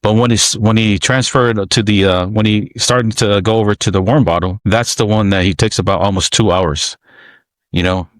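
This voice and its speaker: A man from American Samoa hosting a podcast, telling stories in a relaxed, reminiscing way with halting restarts. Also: lowish voice, no echo. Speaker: podcast host. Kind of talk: casual podcast storytelling.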